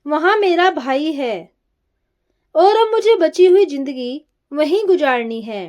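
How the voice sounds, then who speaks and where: A woman's voice: high voice, expressive, takes it slowly, a little mellow, highs cut off. A woman voicing an angry older mother-in-law who scolds in a raised voice while reading a story. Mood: angry, scolding.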